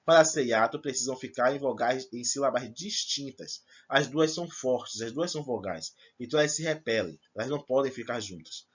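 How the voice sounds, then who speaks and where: Male teacher, class lesson, step-by-step explaining, raspy voice, dull lo-fi recording. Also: mid-range voice, a little fast, few pauses. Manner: explains step by step, checks in with "certo?" and "tá bom?".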